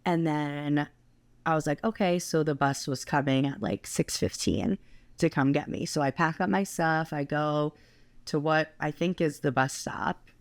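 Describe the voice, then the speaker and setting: A woman's voice: deep voice, unhurried, dry recording. A young woman co-hosting a podcast, telling a travel story in a chatty way full of fillers. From United States. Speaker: podcast co-host.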